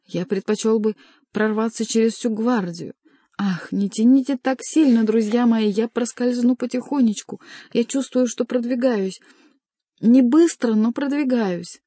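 A woman's voice: mid-range voice, normal speed, dark tone, dry recording, lightly acted. A woman voicing a stout nobleman stuck in a narrow passage, speaking in half-choked, grunting exclamations. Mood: strained. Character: strained, puffing nobleman stuck in a narrow hole.

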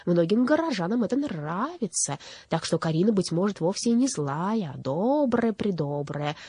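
A vain old crow diva full of huffy indignation, put on by a woman reading a storybook. Her voice is warm and a little husky and swoops widely as she grumbles. It sits close and dry, with no room around it. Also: medium pitch, big pitch swings, normal speed, no echo. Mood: huffy gossip. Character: vain grumpy old female crow, self-styled diva.

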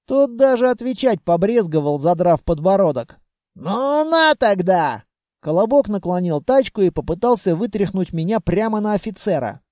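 A narrator reading a first-person fantasy audiobook in an even, measured way, recorded close to the mic. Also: mid-range voice, no room sound.

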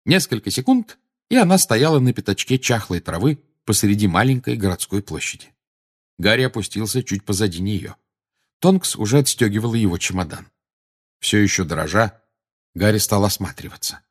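Low-voiced man reading a story aloud. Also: lively intonation, normal speed, breathy edge. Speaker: audiobook reader. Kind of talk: scripted narration.

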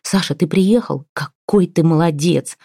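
A woman voicing an impulsive, emotional woman friend who pleads and shouts through tears. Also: sits low, measured pace, breathy edge, no echo, clean studio sound, heavily acted. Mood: pleading. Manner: loud, tearful, indignant.

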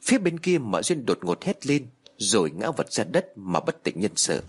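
Man, horror story narrator, husky, lively pitch, dramatic, faint music. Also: normal speed. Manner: dramatic, expressive.

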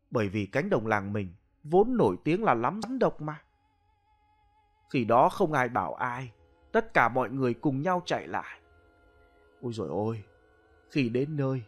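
Brief: male narrator playing a shaken peasant woman, gossipy and exclaiming. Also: medium pitch. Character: frightened peasant woman recounting horror.

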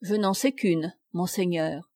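A woman doing a soft, humble young page boy. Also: lowish voice, takes it slowly, dry recording, studio quality. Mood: deferential. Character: clever young serving boy, humble and respectful.

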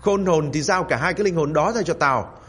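A man's voice: medium pitch, lively intonation, moderate pace, fairly bright tone, breathy edge, faint music behind. A man doing a bold young Taoist exorcist. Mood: furious. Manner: polite at first, then cursing angrily.

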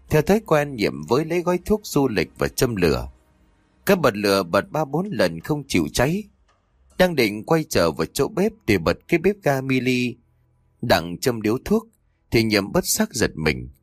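A man narrating a ghost story for an audiobook in an expressive storytelling manner. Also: lowish voice, dry recording, clean studio sound. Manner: expressive, voices the characters' cries and quarrels.

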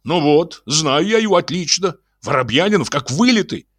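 A boastful, excitable locksmith with a shrill, high bluster, as a male reader puts him on. His voice leaps about full of self-importance. Heard dry and close-miked. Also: moderate pace, no room sound. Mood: smug insistence.

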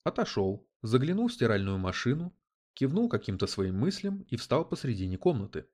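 A man narrating a story in an expressive, animated reading. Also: mid-range voice, a little fast. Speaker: audiobook narrator. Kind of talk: scripted narration.

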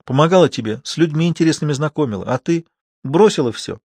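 A man's voice: on the high side, expressive, fast, darkish tone, breathy edge, dry recording, voice pushed up. A man voicing a sad, patient aunt. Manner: sad and reproachful. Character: patient sad aunt, middle-aged woman, gentle.

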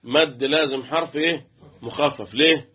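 Egyptian sheikh quizzing students over a phone line. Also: male voice, medium pitch, moderate pace, breathy edge. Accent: Egyptian Arabic. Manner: quizzing students with questions, chanting letters. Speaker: Quran recitation teacher. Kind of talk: interactive tajweed lesson.

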